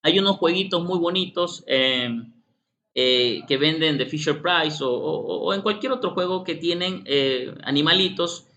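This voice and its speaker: A middle-aged man gives an online workshop lecture, talking directly to participants, repeating himself and acting out children's voices. His voice is fairly high and sharp, a little slow, and the recording is slightly muffled with a faint background hum.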